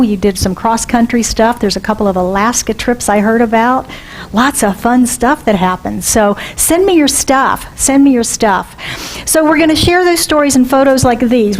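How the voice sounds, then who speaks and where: Conversational woman minister, higher voice. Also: darkish tone, rough recording. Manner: conversational, asks the congregation questions. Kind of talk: sermon. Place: church sanctuary.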